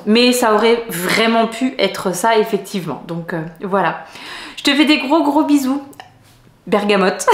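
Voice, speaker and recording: A middle-aged woman from France chats casually to her viewers, her voice sitting a little high. She rambles with frequent hesitations and soft laughs. The sound carries a roomy echo, as in an ordinary home. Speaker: knitting vlogger. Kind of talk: casual chatty vlog.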